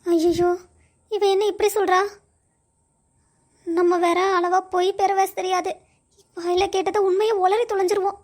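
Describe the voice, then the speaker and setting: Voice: very high voice, flat delivery, measured pace, pauses often, darkish tone. A woman voicing an anxious young woman student in a cartoon story, talking to herself in a fretful ramble. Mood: worried. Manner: fretful inner monologue, rambling.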